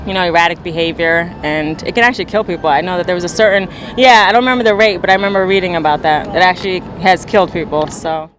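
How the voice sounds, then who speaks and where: A woman's voice: lowish voice, fairly bright tone, slight background noise. A woman interviewed outdoors, speaking casually and chatting about what she has seen. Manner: casual, fast-talking, chatty. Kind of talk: street interview.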